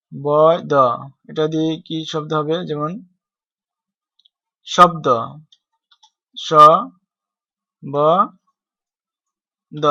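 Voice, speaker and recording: A man walks through a typing lesson, spelling out keys one letter at a time. His voice sits a little high and crisp-edged, with little rise and fall. The home desk-mic recording is dry and slightly dull. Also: bright, forceful tone, no echo. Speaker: typing tutor. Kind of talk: screen-recorded software tutorial.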